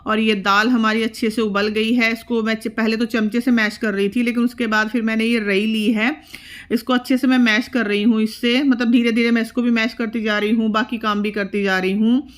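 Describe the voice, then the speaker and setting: Woman vlogger, middle-aged, fairly high voice, homey step-by-step cooking narration. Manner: chatty, step-by-step explaining while cooking. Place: home kitchen.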